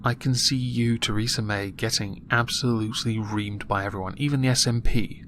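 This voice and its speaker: A man giving a political opinion monologue in a flat, monotone voice while clearly annoyed. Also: lowish voice, moderate pace, slight background noise. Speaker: political commentator.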